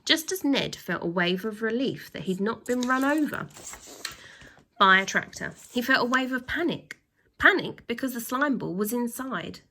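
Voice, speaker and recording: A woman whose voice is a little high reads to children like a teacher, giving expressive, stretched-out emphasis and acting the sound effects.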